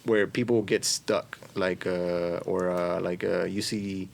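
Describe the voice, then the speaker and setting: A man's voice: low voice, steady tone, slow pace, gravelly. A man hosting a casual podcast conversation, speaking hesitantly with many fillers and restarts. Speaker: podcast host. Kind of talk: casual interview chat.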